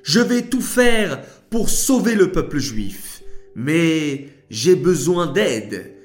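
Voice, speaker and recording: A man voicing a young queen in a children's story, speaking in a high, pleading tone that turns commanding. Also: very animated, slow, soft background music. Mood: resolute. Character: young queen, frightened then resolute.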